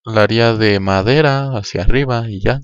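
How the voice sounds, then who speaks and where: Low-voiced profane Mexican gamer. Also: male voice, normal speed, clear, resonant tone, no room sound, highs cut off. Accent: Mexican Spanish. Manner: rambling, profane, chatting to viewers; hums and mouths rhythmic noises while working. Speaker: gaming channel host. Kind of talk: casual gameplay commentary.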